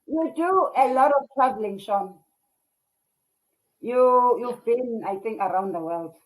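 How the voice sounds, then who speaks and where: A woman's voice: fairly high pitch, lively intonation, measured pace, rough recording. Chatty South African woman host. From KwaZulu-Natal, South Africa. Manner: chatty, reads out viewer comments. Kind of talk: casual interview.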